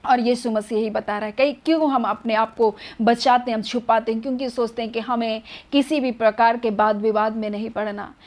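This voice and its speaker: A woman with a fairly high voice delivers a sermon. She talks earnestly and keeps posing rhetorical questions, then answers them herself. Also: steady tone, a little fast, hardly any pauses, darkish tone. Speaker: preacher.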